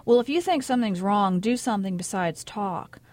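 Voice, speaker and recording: A woman voicing a volatile, resentful mother who snaps sharp retorts during a family fight. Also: medium pitch, animated, a little fast, no room sound, lightly acted. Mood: angry.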